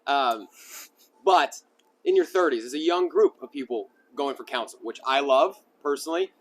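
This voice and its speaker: A man's voice: mid-range voice, animated, normal speed. A man, a local news reporter, asking questions in a casual, rambling way with many restarts. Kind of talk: sit-down news interview.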